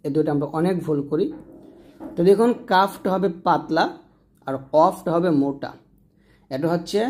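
A man teaching Quran recitation, explaining letter sounds plainly and demonstrating each sound slowly and several times. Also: on the high side, a little mellow. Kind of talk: pronunciation lesson.

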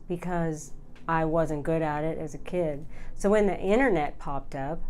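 A middle-aged woman telling her story candidly to camera, informal and confiding, with deliberate pauses. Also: fairly low pitch, darkish tone, clear, resonant tone. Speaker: vlogger. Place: small furnished room indoors.

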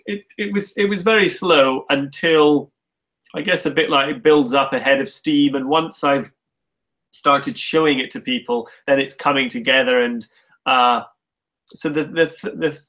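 A man who creates comics, talking about his work in a relaxed, thoughtful, self-deprecating way with frequent restarts. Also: mid-range voice, rough recording. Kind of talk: casual conversation.

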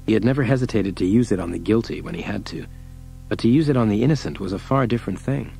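Low-voiced male audiobook narrator. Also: quick pace, gravelly, dark tone, soft background music, poor audio. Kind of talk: scripted narration.

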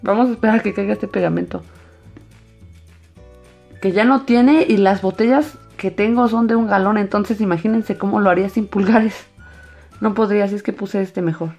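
A woman chatting excitedly to young viewers as the host of a casual craft vlog. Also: medium pitch, moderate pace, soft background music. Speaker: host of a children's slime channel. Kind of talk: casual craft vlog, explaining as she goes.

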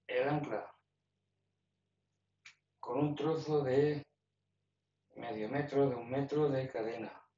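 A man with a medium-pitched, dark-toned voice describes rigging his kayak fishing gear step by step, speaking casually and slowly with fairly even intonation, long pauses, and a stop-start rhythm as he handles it. He's in a garage with a roll-up door, captured from a distance by a handheld phone camera. The audio is echoey, dull, and noisy.

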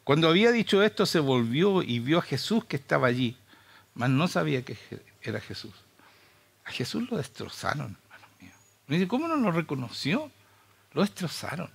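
Impassioned Chilean preacher man, gravelly. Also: on the high side, big pitch swings, fairly quick. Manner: impassioned, urgent rhetorical questions. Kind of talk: sermon.

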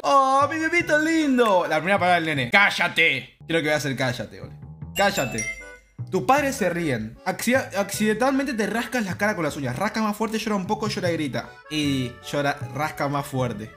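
A man's voice: sits high, a bit bright. A young man with an Argentine accent, a brash, profane streamer reading game text aloud and commenting. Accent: Rioplatense Spanish. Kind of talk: casual gameplay commentary.

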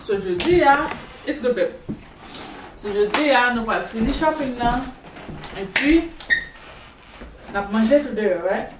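A woman's voice: fairly high pitch, lively intonation, normal speed, long pauses. Chatty woman, noisy outdoors. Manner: chatty, playful. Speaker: vlogger. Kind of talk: casual vlog chat. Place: outdoors near a car, then a mall. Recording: street and car noise behind.

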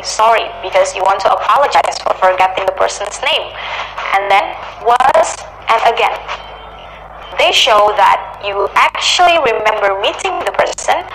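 Bright-toned young woman teaching English. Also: on the high side, vocal fry, a little hiss or hum, rough recording. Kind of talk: scripted English lesson.

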